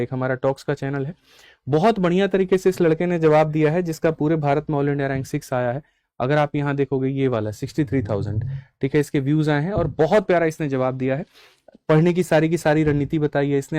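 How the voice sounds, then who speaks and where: A man's voice: a little high, darkish tone, clear, resonant tone, no room sound, studio quality. A young man who teaches exam preparation, explaining his course batches and fees to students in a casual, persuasive way, often calling them brother and tagging "theek hai". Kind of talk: online class sales pitch and lesson.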